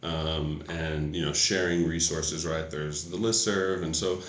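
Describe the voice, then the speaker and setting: A man's voice: very deep voice, fairly even intonation, unhurried. A man interviewing a guest for a lawyers' association, encouraging and friendly, with many fillers. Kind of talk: casual interview. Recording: echoey room.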